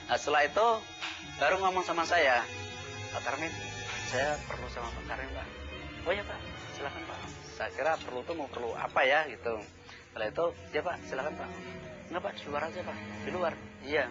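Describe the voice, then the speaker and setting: A man with a fairly high voice tells what he saw as a neighbor, slipping into each person's words as he goes. The TV sound is dull and lo-fi, with clear music running underneath. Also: brisk. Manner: animated, acts out the dialogue he retells. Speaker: neighbor witness. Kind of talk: recounting events in an interview.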